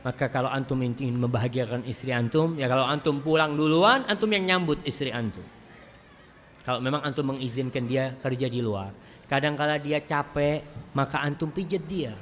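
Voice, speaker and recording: Animated preacher man in a reverberant hall. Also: moderate pace, slight background noise. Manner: animated, jokes with congregation, rises high when teasing. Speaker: Islamic preacher. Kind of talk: sermon answering questions. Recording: reverberant hall with faint ambience.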